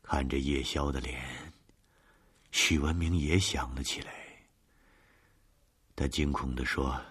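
A man narrating a mystery story in a steady, even storyteller delivery. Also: rumbling low, takes it slowly, slightly rough.

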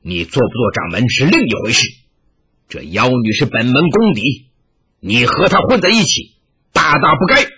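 一位男子演绎一位愤怒严厉的年长道长，嗓音沙哑，拔高声调大声斥责，录音音质发闷。. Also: male voice, medium pitch, big pitch swings, normal speed, breathy edge, lo-fi sound, heavily acted. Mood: scolding. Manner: scolding, shouting raised voice. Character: angry stern old Taoist elder, young man's uncle-teacher.

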